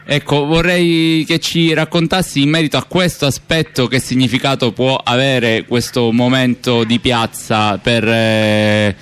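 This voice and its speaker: A male radio interviewer with a smooth, resonant voice and a mid-range pitch. He builds long, winding questions, pausing to find his words. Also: little pitch movement, a bit bright.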